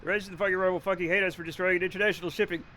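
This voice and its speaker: A Rhode Island livestreamer talks very fast in a high, pushed and bright voice with a steady tone. Chatting casually while gaming, he rambles, jokes, curses freely and laughs often.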